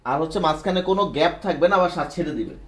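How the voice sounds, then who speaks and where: A man's voice: on the high side, racing, fairly bright tone. A man teaching a medical class, often quizzing students and checking they follow. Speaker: medical instructor. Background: students answering.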